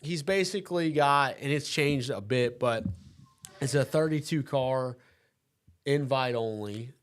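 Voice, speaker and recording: An easygoing man hosts a casual talk, his voice sitting at a middle pitch. He laughs readily and works through his thoughts with fillers and restarts. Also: a little slow. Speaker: host. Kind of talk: casual chat.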